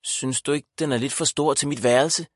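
A man voicing a dreamy young boy who loves nature adventures, speaking quietly and a little reluctantly in an audiobook. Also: mid-range voice, fairly even intonation, dry recording, studio quality, voice pushed up, close to an everyday voice. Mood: quiet, polite.

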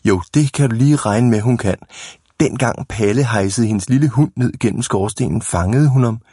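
A man reading a storybook aloud who voices a clever, scheming young boy in a lively, knowing tone. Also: mid-range voice, breathy edge, dry recording, studio quality, close to an everyday voice. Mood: sly.

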